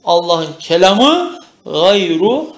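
Man, Turkish accent, teacher, reads Arabic lines then explains them, asks the class questions, fairly high voice, roomy echo. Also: sing-song, takes it slowly. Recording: echoey room.

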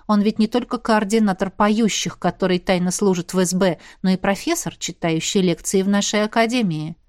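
A woman narrating a first-person audiobook in a smooth, lightly ironic reading. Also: mid-range voice, brisk, darkish tone, dry recording, studio quality. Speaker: audiobook reader.

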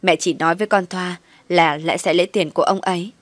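A woman voicing a scheming middle-aged mother who wails and pleads loudly, reading a spoken story. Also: on the low side, fairly even intonation, fast talker, no echo, close to an everyday voice. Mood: tearful pleading. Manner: loud, tearful pleading.

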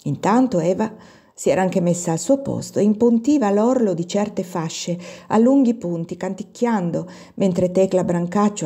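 Husky, dark-toned woman reading a novel. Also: lowish voice. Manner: measured, expressive reading. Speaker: audiobook reader. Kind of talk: literary narration.

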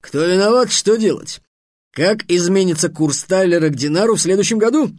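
A man's voice: sits high, brisk, a little mellow, no echo, clean studio sound, pitched above the performer's own voice, close to an everyday voice. Man playing an exasperated old wizard. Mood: confident. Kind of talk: audiobook character voice.

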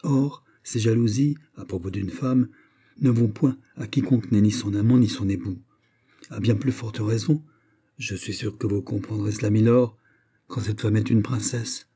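A man reading aloud, voicing a calm, cold and proud young French nobleman in an audiobook. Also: on the low side, moderate pace, slightly rough.

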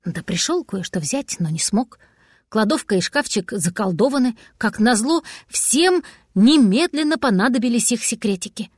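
A woman voicing a young male wizard who speaks softly, politely and gently. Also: fairly high pitch, expressive, normal speed, husky, no echo, studio quality. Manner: soft and quiet.

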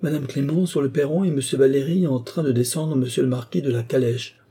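A man doing a husky gossipy old servant woman. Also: medium pitch, a little fast, dark tone. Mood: gossiping. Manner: breathless storytelling, exclamatory. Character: chatty old female country servant, gossipy.

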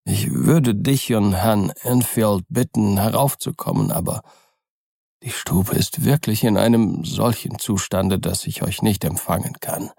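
A faint, broken-voiced doctor, pale and despairing, as a man reads him in an audiobook. His words come low, soft and drawn out, halting between phrases. The voice sits close and dry, with no room around it. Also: gravelly, no echo. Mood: weak, despairing. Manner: quiet, drawn-out, halting speech. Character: weak, frightened male doctor, pale and despairing. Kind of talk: audiobook character reading.

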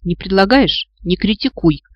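A man voicing a feisty, sharp-tongued young woman who scolds and mocks her companions, in a storybook reading. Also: high voice, animated, normal speed, no echo, lo-fi sound. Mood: sarcastic. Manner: sarcastic, exasperated, scolding.

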